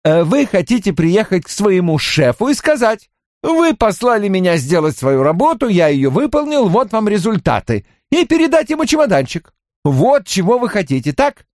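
A man doing a pushy smooth-talking businessman. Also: high voice, sing-song, moderate pace, darkish tone, dry recording, clean studio sound, voice pushed up. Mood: persuasive. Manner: persuasive, wheedling, pressing. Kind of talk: audiobook character voice.

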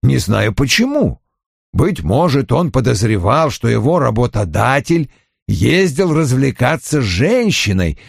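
A man's voice: mid-range voice, vocal fry, slightly rough, dry recording, studio quality, exaggerated voice. A man reading as a haughty, lecturing detective. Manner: measured, lecturing. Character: older male detective, haughty and deliberate. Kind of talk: audiobook reading.

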